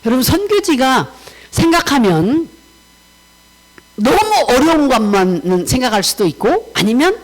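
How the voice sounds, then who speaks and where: A woman missionary giving a personal testimony to a congregation in a warm, conversational way, mixing casual and polite speech and acting out remembered conversations. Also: sits high, a little slow, low-quality recording. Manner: animated storytelling, acting out remembered dialogue.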